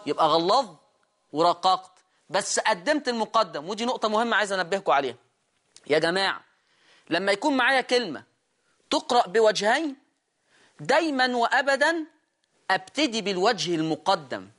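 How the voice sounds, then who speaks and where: A man with an Egyptian accent, a Quran recitation teacher explaining rules in a lesson. He asks his students questions, repeats key words and slows down to sound them out. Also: high-pitched, very animated, a bit bright. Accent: Egyptian Arabic.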